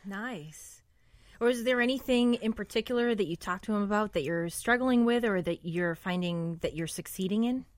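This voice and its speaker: A woman's voice: mid-range voice, normal speed, dry recording, clean studio sound. A woman co-hosting a casual podcast, giving brief reactions and laughing a lot. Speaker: podcast co-host.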